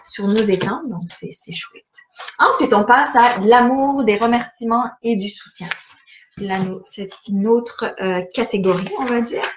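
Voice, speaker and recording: A woman's voice: medium pitch, dull audio, a little hiss or hum. A woman chatting casually through a catalogue, hesitant and full of fillers. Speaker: stamping-supplies demonstrator. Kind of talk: casual catalogue walkthrough for viewers.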